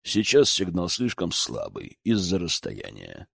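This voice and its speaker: A man doing a deep, businesslike male mage. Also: wildly swooping pitch, a little slow, gravelly, fairly bright tone, breathy edge, no room sound, clean studio sound, full character voice.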